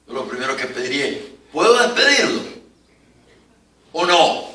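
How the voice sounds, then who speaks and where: An older man preaching an animated sermon in a church, with chuckling asides. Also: a little high, moderate pace. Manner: animated, rising to emphatic peaks, chuckling asides. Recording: echoey church from a distance.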